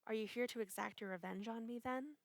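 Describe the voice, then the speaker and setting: A woman voicing a gentle blind young woman who speaks worriedly with a trembling voice. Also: on the high side, a little fast, vocal fry, no room sound, studio quality, pitched above the performer's own voice.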